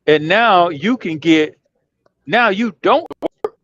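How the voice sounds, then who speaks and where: Man, slow-talking, higher voice, bad connection cutting in and out, dull call audio. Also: lively intonation, a bit bright. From Florida. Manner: repeats words and restarts, loose and rambling. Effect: bad internet connection, voice breaking up and choppy. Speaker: panelist on an online talk show. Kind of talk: casual opinionated talk.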